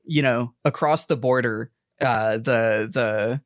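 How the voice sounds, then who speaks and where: A man's voice: medium pitch, slow, dry recording, clean studio sound. A man co-hosting a podcast in a casual chat, rambling, laughing often and swearing freely. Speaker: podcast co-host.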